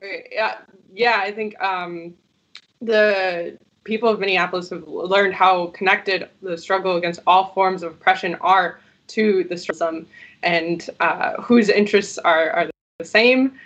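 Give me a woman on a cutting-out video call, hesitant and full of fillers, husky and muffled. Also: lowish voice, steady tone, a little slow, a bit bright. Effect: glitching, cutting-out audio. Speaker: panel guest. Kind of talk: online panel discussion. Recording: dull lo-fi call audio.

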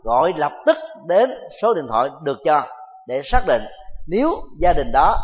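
A Buddhist monk gives a dharma talk in a fairly high, lively voice that rises and falls widely. He speaks in measured, deliberate phrases with pauses between them. The recording is dull and lo-fi, with a long reverb trailing off each phrase as if in a large hall.

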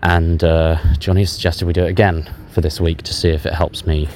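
Very deep, downcast man on a dictaphone. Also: level tone, darkish tone. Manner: hesitant, halting, candid with frequent long pauses; low-spirited, subdued, self-deprecating. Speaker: podcast host. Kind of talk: casual, confessional audio diary on a voice recorder. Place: outdoors in a public park while out walking. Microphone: handheld voice recorder. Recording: handheld dictaphone recording outdoors, background noise. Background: outdoor park ambience.

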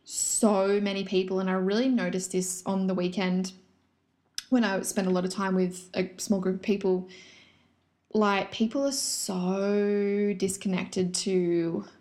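Woman with a squeaky, chipmunk-like voice. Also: level tone, a little slow, a little mellow. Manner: informal, frequent "like". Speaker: yoga and meditation teacher. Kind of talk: casual chat.

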